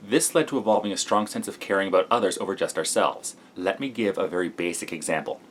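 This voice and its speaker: A man with a low voice speaks at a quick clip, sleep deprived, as he delivers a scripted explainer for his vlog. A faint layer of noise sits behind him. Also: fairly bright tone. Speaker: vlogger.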